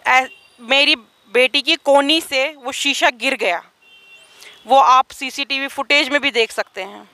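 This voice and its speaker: A woman's voice: high-pitched, a little slow, bright, forceful tone, no echo. A woman giving an urgent, aggrieved account as an interviewee, speaking outdoors. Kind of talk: emotional testimony.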